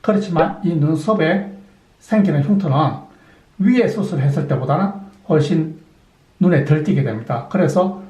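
Middle-aged surgeon guy walking through procedures, mellow voice, kinda roomy echo. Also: a little high, moderate pace. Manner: methodical, poses and answers his own questions. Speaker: plastic surgeon. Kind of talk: explanatory clinic talk.

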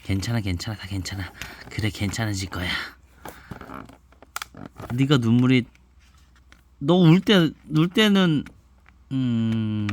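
A man reading a picture book aloud to his child at home, gently and softly, stopping now and then to ask the child questions. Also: on the low side, a little hiss or hum. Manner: gentle, soft-spoken, stops to chat and ask the child questions. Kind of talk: bedtime storybook reading with asides to a child.

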